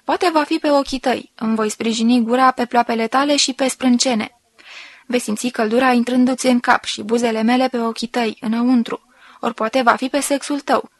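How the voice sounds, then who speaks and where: A woman voicing a sensual woman who slowly and softly reads out an intimate love letter. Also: fairly high pitch, fairly even intonation, no echo. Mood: intimate, tender. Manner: slow, soft, intimate reading.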